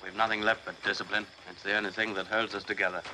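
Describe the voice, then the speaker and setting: An actor playing a stern colonel who gives strict, clipped orders to fellow prisoners in a film. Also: male voice, fairly low pitch, level tone, fast talker, sharp tone, a little hiss or hum, rough recording. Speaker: senior officer in a prison camp.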